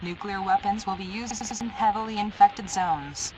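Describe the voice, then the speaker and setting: Here the announcer is a woman whose mid-range voice carries a darkish tone at a moderate pace. Her emergency alert script comes across as formal, impersonal and machine-like, set in a noisy analog horror broadcast.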